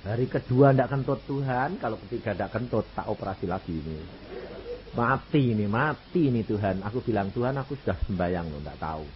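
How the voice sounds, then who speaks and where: Man, evangelist preacher, Javanese accent, lively storytelling, muffled lo-fi recording. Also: brisk. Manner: animated, acts out dialogue with wide pitch swings. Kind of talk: storytelling sermon. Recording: muffled lo-fi recording with faint noise.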